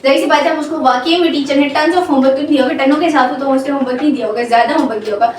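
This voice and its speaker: A woman teacher, explaining grammar step by step and dictating example sentences slowly word by word. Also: high voice, darkish tone. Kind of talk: grammar lecture. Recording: echoey room, voice from far off, faint background hum.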